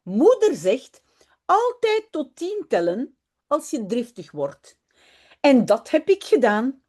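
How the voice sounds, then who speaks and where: A woman voicing a hot-tempered little girl in a storybook reading, speaking earnestly in a raised, childlike pitch. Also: big pitch swings, slow pace, a little mellow, heavily acted.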